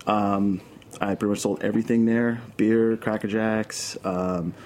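A man with a Brooklyn accent speaks over noticeable background noise in a somewhat low voice. He is an interview guest from Queens, talking casually and haltingly, often repeating his phrases. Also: flat delivery, darkish tone. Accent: Brooklyn, New York. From Queens, New York City. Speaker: interview guest, documentary filmmaker. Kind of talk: casual interview chat with anecdotes. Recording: clear background noise, room ambience.

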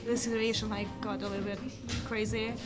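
A woman in her twenties from Kosovo, speaking English with an Albanian accent, chatting haltingly with many fillers and restarts in an interview. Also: a little high, level tone. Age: 20s. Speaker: interview guest, coffee shop worker. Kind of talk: casual interview chat. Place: basement seating of a coffee shop. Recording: music playing in a cafe. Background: music.

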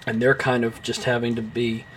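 A young man co-hosting a casual film podcast, his speech full of ums, restarts and offhand swearing. His voice sits at an ordinary pitch, with a faint hum of noise behind him. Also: flat delivery, moderate pace, a bit bright. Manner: rambling, many fillers and restarts. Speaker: podcast co-host.

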